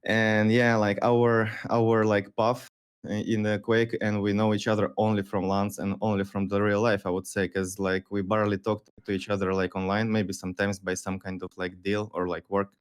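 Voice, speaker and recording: A thirty-year-old man, a podcast guest, speaking that is not his in a halting, laid-back way with many fillers. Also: fairly low pitch, little pitch movement, clear, resonant tone. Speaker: guest, pro gamer. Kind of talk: casual interview chat.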